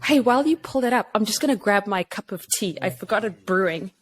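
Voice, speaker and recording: A woman's voice: mid-range voice, expressive, a little fast. A woman from Zimbabwe, a guest on a podcast, chatting in a friendly way and sounding a little tired. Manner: friendly, chatty, laughs easily. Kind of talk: casual interview chat.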